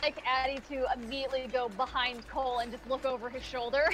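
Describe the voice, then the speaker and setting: A woman's voice: high-pitched, very noisy. A woman playing a tabletop game, giggling as she describes her character's actions. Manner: giggly, slow and lively. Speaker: player.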